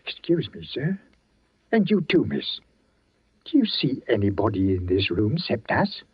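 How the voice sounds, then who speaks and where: A husky, superstitious village greengrocer rambles on deferentially in a voice that swings up and down. He sounds like a 1940s radio play heard through a dull, lo-fi broadcast recording. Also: on the low side, very animated, moderate pace, exaggerated voice. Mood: uneasy. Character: chatty working-class village greengrocer, superstitious.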